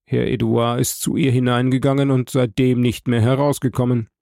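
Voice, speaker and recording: Calm male servant for an audiobook, read by a man: polite, measured, dry close sound. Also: medium pitch, gravelly, dry recording, natural voice. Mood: respectful. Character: respectful male valet, calm. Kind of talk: audiobook reading.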